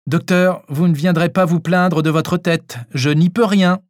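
A man's voice: a little high, steady tone, unhurried, dry recording, clean studio sound, voice pushed up, close to an everyday voice. A man reading an audiobook, voicing a friendly, upbeat young photographer.

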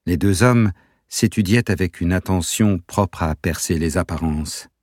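A man narrating a novel aloud in a measured, even storytelling manner. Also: low voice, no echo, clean studio sound. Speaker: audiobook narrator. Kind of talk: scripted narration.

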